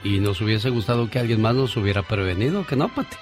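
A man's voice: lowish voice, lively intonation, fast talker. A man hosting a radio show, telling stories and chatting in an avuncular, moralizing yet teasing way, with music behind him. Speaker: radio host. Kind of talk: radio storytelling and chat. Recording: music under the voice.

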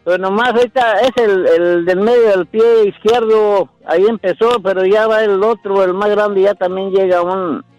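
A man's voice: high-pitched, steady tone, normal speed, hardly any pauses, muffled recording, soft background music. A polite, hesitant man in his sixties calling in to a radio show. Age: 60s. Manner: soft-spoken, hesitant, polite. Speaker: caller. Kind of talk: phone call to a radio show.

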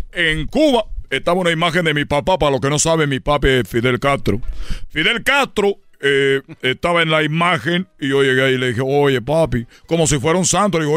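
A man's voice: fairly high pitch, a bit bright, smooth, no room sound. A man hosting a comedy radio sketch, telling a rambling story and laughing at his own jokes. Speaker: comedy host.

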